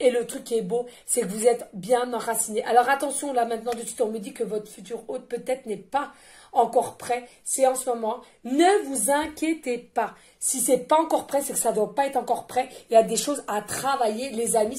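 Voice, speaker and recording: Effusive high-voiced woman card reader. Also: normal speed, dark tone. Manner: effusive, exclamatory, chatty; addresses listeners directly and often. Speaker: tarot and oracle card reader. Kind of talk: channeled card reading for viewers.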